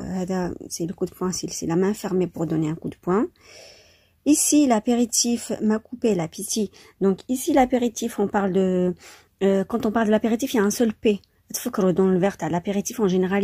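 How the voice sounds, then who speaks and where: A woman's voice: medium pitch, dark tone, breathy edge, dry recording, studio quality. A woman teaching French spelling in an informal, chatty lesson, with frequent hesitations and enthusiasm. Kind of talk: informal vocabulary lesson, mixing French and Arabic.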